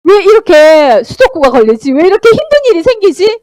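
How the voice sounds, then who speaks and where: A woman's voice: very high-pitched, very animated, brisk, darkish tone, no echo, voice pushed up. A woman putting on a sly, taunting Satan. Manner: wheedling, mocking questions. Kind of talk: acted Bible story for children.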